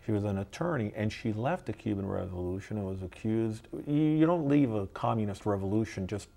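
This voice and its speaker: A man being interviewed as a guest, talking in an earnest, halting way with frequent restarts. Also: lowish voice, expressive, creaky, dark tone. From United States. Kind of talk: casual interview chat.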